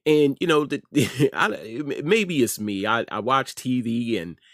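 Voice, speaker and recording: Slow-paced, with lively intonation in a mid-range voice, a middle-aged American man hosts an online news commentary show. He delivers informal opinions emphatically and repeats phrases for effect, in a dry, clean studio recording.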